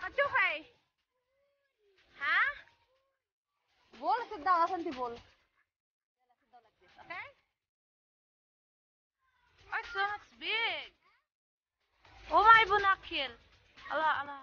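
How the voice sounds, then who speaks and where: A young woman filming on her phone at an outdoor animal farm, gently coaxing a small child to feed the animals and mixing in words from other languages. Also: very high-pitched, animated, slow, pauses often, dull audio, slight background noise. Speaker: vlogger and parent. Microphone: handheld phone filming.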